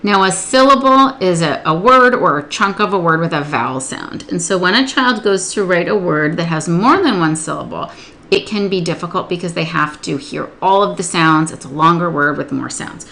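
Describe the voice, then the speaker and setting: Bright-voiced woman explaining a lesson. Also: fairly low pitch, expressive. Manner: patient, step-by-step, models sounds slowly. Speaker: literacy instructor. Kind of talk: instructional explanation.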